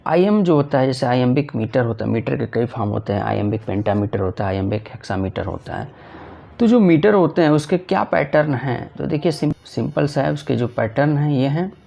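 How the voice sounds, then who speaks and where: A man teaching an exam-prep lesson. He reads the English lines slowly, then explains them, often asking a question and answering it himself. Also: medium pitch, expressive, vocal fry, mellow. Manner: repetitive, asks and answers his own questions.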